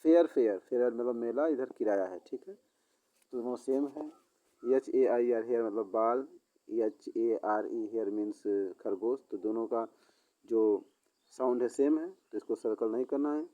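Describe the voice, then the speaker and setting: A man explains an English lesson to schoolchildren at a very slow, patient pace and stops often to restate words. His voice is mellow and dark. The recording sounds dull and lo-fi. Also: mid-range voice. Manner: explains English words in Hindi, slow and repetitive, reads English sentences haltingly. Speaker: teacher.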